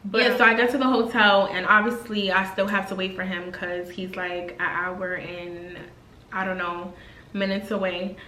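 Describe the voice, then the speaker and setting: A woman in her twenties tells a casual storytime to her vlog, chatty and expressive with plenty of slang and fillers. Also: mid-range voice, normal speed, roomy sound, poor audio. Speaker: vlogger.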